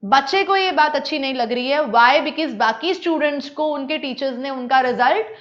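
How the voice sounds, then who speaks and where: A woman's voice: high voice, normal speed. A woman teacher giving a lesson explanation, who explains each line plainly and mixes two languages. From India. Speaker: English teacher. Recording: dull lo-fi recording.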